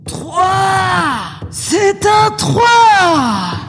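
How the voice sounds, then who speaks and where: A woman voicing a male fox announcer in a storybook, shouting results to a crowd. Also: extremely high pitch, sing-song, drawn-out words, loud music behind the voice, pitched above the performer's own voice, full character voice. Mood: bellowing.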